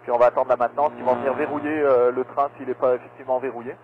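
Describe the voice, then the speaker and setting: A pilot talks over his cockpit radio headset, fast and businesslike, calm and measured even mid-emergency. His voice comes through a thin, tinny radio channel with a faint hiss of static behind it. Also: mid-range voice. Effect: pilot speaking over cockpit radio headset. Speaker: airline pilot. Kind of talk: aviation radio exchange.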